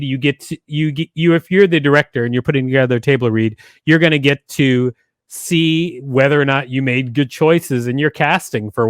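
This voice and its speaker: A mid-range male voice, clean and echo-free, belongs to a middle-aged podcast host giving conversational instruction and rephrasing himself as he explains. He records with a headset and a close studio microphone fitted with a foam windscreen.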